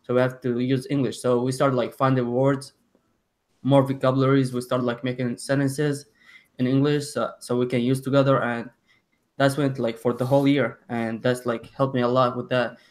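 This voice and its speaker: Teen guy from syria, arabic first language, monotone, lots of "like" and restarts. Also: mid-range voice. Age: teens. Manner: halting, many "like" fillers, self-corrections. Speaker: student panelist. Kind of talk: telling his story on a panel.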